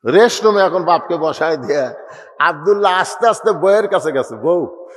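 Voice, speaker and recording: A man, preaching a storytelling sermon with dramatic swings between loud and hushed. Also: fairly high pitch, animated, normal speed, faint music behind. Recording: long hall reverb.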